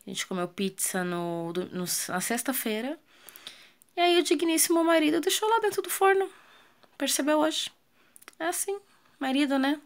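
A woman with a Brazilian Portuguese accent, a mother who vlogs from home, casually narrates cleaning her kitchen while chatting with viewers. Her high, expressive voice moves at a moderate pace with frequent pauses. She's chatty, asks her audience questions, and lets sentences trail off into fillers.

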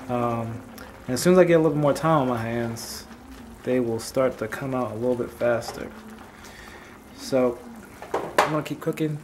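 A man casually vlogging while he cooks, talking in a relaxed, rambling way with lots of fillers. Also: mid-range voice, noisy background. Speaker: vlogger, father. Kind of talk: casual vlog chat while cooking.

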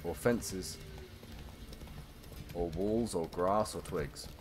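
A man's voice: low voice, extremely slow, faint music behind. A man playing through a fantasy game, reading in-game letters aloud and adding dry, wry asides. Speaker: let's play host.

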